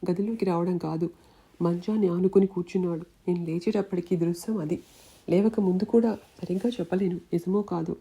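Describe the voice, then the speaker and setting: A woman's voice: fairly low pitch, fairly even intonation, brisk, gravelly, mellow, breathy edge. A woman voicing a loyal young woman who comforts her weeping friend in a soothing, urgent way, in a storybook reading. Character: anxious loyal female friend, consoling.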